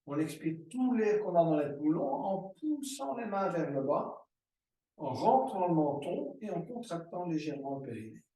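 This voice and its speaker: A man teaching a yoga class, giving slow, calm breathing and movement cues. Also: a little high, recorded from a distance. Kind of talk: guided yoga class instruction. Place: room recorded as an online class. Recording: roomy echo, voice from afar.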